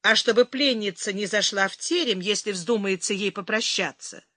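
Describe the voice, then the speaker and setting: A woman narrating an audiobook in an even, unhurried reading voice. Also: mid-range voice, no room sound, clean studio sound. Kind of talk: scripted narration.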